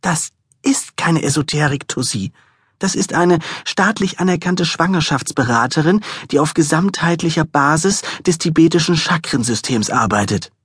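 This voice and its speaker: A man voicing a demanding, heavily pregnant young woman with late-night cravings, shrill and bratty. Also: lively intonation, moderate pace, fairly bright tone, breathy edge, no room sound, clean studio sound. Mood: insistent.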